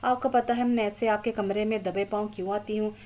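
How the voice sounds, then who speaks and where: Mellow woman doing a cheeky chatty young girl in an audio story. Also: mid-range voice, steady tone, a little fast, close to an everyday voice. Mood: playful. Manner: chatty, teasing, dramatic. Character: lively teasing young woman.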